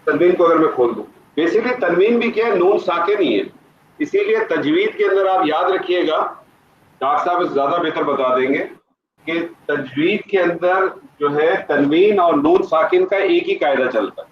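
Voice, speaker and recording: A man's voice: on the high side, slight background noise. A man teaching Arabic grammar in an online class, patiently questioning students by name. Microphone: video call. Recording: muffled echoey online call audio.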